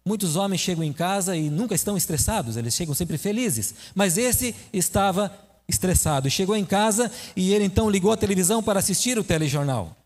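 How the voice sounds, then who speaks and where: High-voiced preacher in an echoing hall. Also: male voice, animated, a little fast, a little mellow. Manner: conversational, asks the audience questions. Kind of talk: sermon. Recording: echoey hall reverb.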